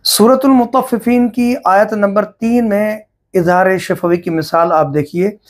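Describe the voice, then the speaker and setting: Slow, deliberate male recitation teacher. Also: high-pitched, fairly even intonation. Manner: slow, deliberate, explaining step by step. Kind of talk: religious lesson on recitation rules.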